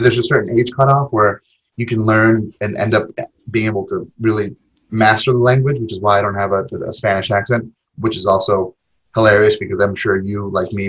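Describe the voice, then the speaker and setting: A man from Argentina in his forties talks casually about his past as a podcast guest, filling the interview with fillers and repeated words. His voice is on the low side, and the recording is rough.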